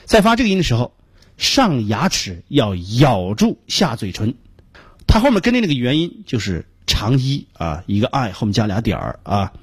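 A man teaching English pronunciation on a radio lesson, explaining patiently step by step and repeating sounds slowly to demonstrate them. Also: medium pitch, huge pitch swings, breathy edge, no echo.

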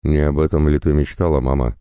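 A man voicing a mighty, protective male bear god who growls his words in a very deep voice. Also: little pitch movement, brisk, dark tone, clean tone, no room sound, clean studio sound. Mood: tender.

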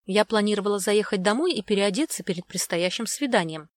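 A woman's voice: mid-range voice, animated, brisk, no echo. Woman narrating a story, dry and close. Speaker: audiobook reader. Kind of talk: first-person story narration.

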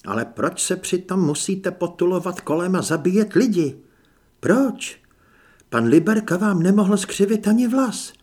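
A frightened young woman pleads and bargains in an audiobook scene, voiced by a male narrator. The voice is husky and somewhat raised in pitch. The delivery rises and falls in a lively way. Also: exaggerated voice. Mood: pleading.

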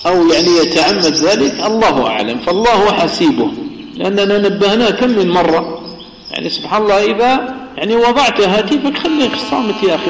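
A man teaching a religious text. He explains slowly, repeats himself and often stops on halting filler pauses. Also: high-pitched. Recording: echoey hall reverb.

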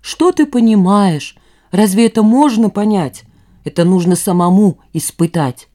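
A woman's voice: mid-range voice, unhurried, dark tone, lightly acted. A woman reading an audiobook, voicing an angry, bitter teenage boy who answers with harsh, contemptuous outbursts.

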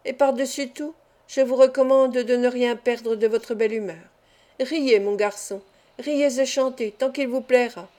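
A woman voicing a calm, serious male doctor. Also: a little high, unhurried, close to an everyday voice. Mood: kindly. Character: kind, serious, wealthy middle-aged male doctor.

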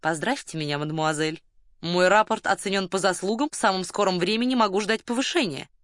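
A woman's voice: fairly quick, fairly bright tone, dry recording, clean studio sound, lightly acted. A woman voicing a pompous boastful colonel. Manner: smug, lowers voice to a suggestive murmur. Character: pompous boastful male Romanian colonel, flirtatious.

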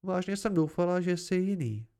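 A man's voice: sits high, lively intonation, warm tone, voice pushed up. A man voicing a teasing, guarded young woman in an amateur audiobook, in a lighter, raised voice with dramatic sighs. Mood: hurt, guarded.

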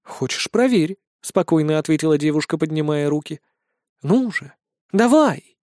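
A young woman who taunts in a cold, cutting tone, as a man reads her in an audiobook. The voice is pitched up and recorded close and dry. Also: lively intonation, moderate pace, darkish tone, no room sound, lightly acted. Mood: defiant. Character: young woman gambler, icy and mocking.

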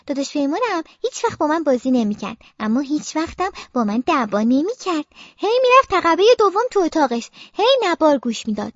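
A woman narrating a story as a young girl in the first person, childlike and expressive, with playful sound effects, on a slightly muffled dry recording. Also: high-pitched, no room sound. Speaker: audiobook narrator.

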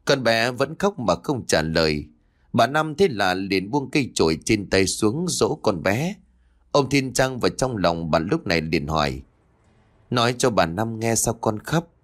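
A man narrating a ghost story in a lively storytelling manner, switching voices for the quarrelling characters. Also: on the low side, measured pace. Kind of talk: storytelling narration with acted dialogue.

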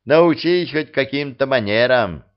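A man reading the part of a brash, mocking male partisan sergeant who talks loudly and jeers. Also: medium pitch, very animated, slow, highs cut off, voice pushed up. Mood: needling. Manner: jeering, loud.

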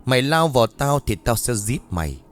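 A man's voice: medium pitch, big pitch swings, brisk, close to an everyday voice. A man voicing a young man possessed by a vicious century-old female demon, speaking with a mocking, snarling cruelty in a horror audiobook. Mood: menacing.

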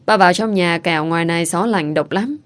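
A woman voicing a caring young father who speaks softly and slowly. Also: on the low side, close to an everyday voice. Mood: tender. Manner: soft, slow, tender.

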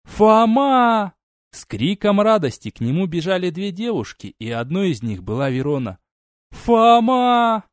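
A man narrating an audiobook in a steady, expressive reading. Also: fairly high pitch, fairly quick, few pauses, no echo, clean studio sound. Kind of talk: scripted narration.

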